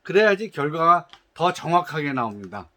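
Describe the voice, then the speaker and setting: A man with a fairly high, sharp-toned voice and big swings in pitch explains, at a moderate pace, how to test his shoe company's product. He stays patient and politely formal while often hesitating and starting over.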